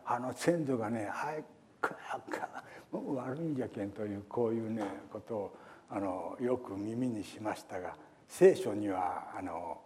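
Older man, pastor, folksy sermon, warm mellow voice. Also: fairly low pitch. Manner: folksy, chatty, acts out quotes.

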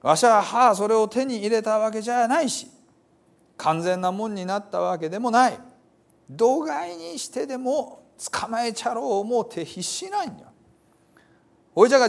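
A man's voice: high-pitched, very animated, normal speed, creaky, pitched above the performer's own voice, heavily acted. A man reading the apostle Paul's letter aloud in Hiroshima dialect, earnest and emphatic. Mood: fervent. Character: the apostle Paul, zealous male preacher, fervent.

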